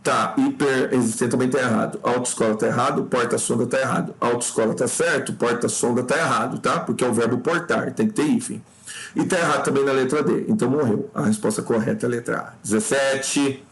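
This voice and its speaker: A man from Brazil teaching an exam review lesson, talking the listener through each answer, checking in often with quick asides and jumping higher in pitch to stress his points. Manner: explanatory, peppered with "tá?" check-ins and addressing the listener as "cara"; lively pitch jumps when stressing points.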